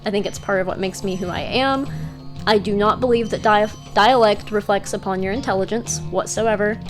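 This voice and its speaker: Woman, Eastern Kentucky accent, medium pitch, casual vlog advice, conversational and encouraging, background music. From Eastern Kentucky, United States. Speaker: freelance writer giving career tips.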